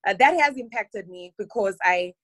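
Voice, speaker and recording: A guest musician from Zimbabwe, based in London, chats easily on a remote call for a casual interview, laughing often. Her mid-range voice is animated and a bit bright, at normal speed.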